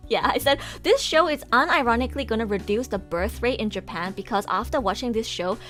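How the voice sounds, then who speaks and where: Woman streamer ranting casually, swears and laughs a lot, soft music under. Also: fairly high pitch, moderate pace. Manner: animated, exasperated ranting with frequent laughs and swearing. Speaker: VTuber streamer. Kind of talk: casual livestream chat.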